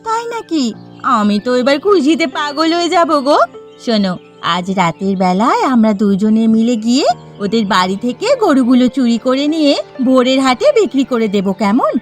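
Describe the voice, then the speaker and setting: A woman voicing a nagging, excitable village wife in a cartoon who plots a theft. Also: sits high, moderate pace, soft background music. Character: scheming shrill village wife. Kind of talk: Bengali cartoon voice acting.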